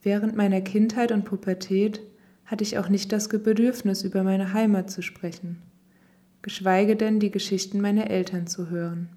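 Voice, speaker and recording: A woman reading a personal first-person text aloud in a calm, even, reflective way. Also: mid-range voice, normal speed. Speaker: reader.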